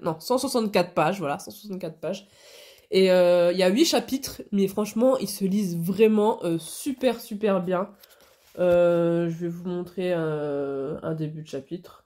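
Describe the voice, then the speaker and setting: This hobby vlogger, congested and nasal from a cold, chats casually with plenty of hesitations and restarts. Her voice is lowish and dark in tone.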